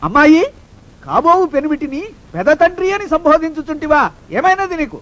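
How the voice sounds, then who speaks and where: A man's voice: very high-pitched, animated, brisk, very noisy. A pompous old declaiming father-in-law. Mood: indignant, pompous. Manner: grandiloquent, declaiming in old-fashioned formal speech. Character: pompous old father-in-law speaking archaic formal verse. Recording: dull lo-fi film soundtrack.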